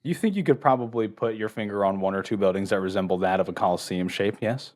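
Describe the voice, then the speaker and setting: A man's voice: on the low side, fast talker, a little mellow. Man narrating as game master. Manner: descriptive, with frequent uh fillers.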